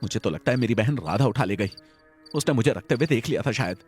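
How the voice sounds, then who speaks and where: A man's voice: medium pitch, fast, soft background music, lightly acted. A man voicing a jumpy, teasing young villager. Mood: jittery, teasing. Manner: tries to sound calm, teasing. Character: scared young village man, Vicky's friend.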